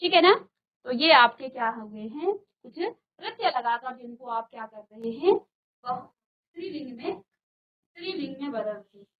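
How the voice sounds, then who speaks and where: A woman teaching a grammar lesson to a virtual class, slowly and patiently, repeating word pairs and asking the class questions. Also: high-pitched, animated, dull audio. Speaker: Hindi teacher. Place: studio.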